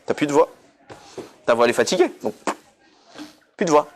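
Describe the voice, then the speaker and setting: Brief: fiery male preacher, slightly high voice, wildly swinging pitch, builds to near shouts. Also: very animated, brisk, a little hiss or hum. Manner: emphatic, rising to near shouts; mixes Hebrew terms into casual speech. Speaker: rabbi giving a weekly Torah talk. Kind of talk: passionate sermon.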